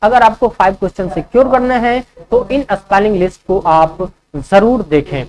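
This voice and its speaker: Male teacher, spelling lesson, slow letter-by-letter spelling, repeats each word, asks the students, softer when he repeats the word. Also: low-quality recording. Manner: drops low and soft when he says the whole word again. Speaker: English teacher. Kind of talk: spelling lesson, video class.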